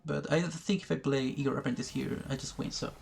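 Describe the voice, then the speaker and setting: A man giving educational commentary over a card game, thinking aloud slowly, pausing often and restarting his sentences. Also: mid-range voice, fairly even intonation, vocal fry, faint music behind. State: has the hiccups. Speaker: gaming video creator. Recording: faint background noise, poor recording.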